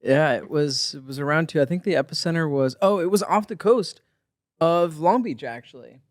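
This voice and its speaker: A man's voice: on the high side, normal speed, dry recording. A man co-hosting a podcast in casual chat, laid-back and rambling as he tells stories. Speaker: podcast co-host.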